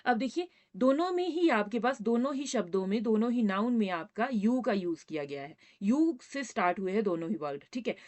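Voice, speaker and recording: A woman's voice: a little high, expressive, moderate pace, few pauses, a little mellow. A woman teaching a grammar lesson, patiently repeating points and checking in with her students. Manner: addresses students as "बेटा".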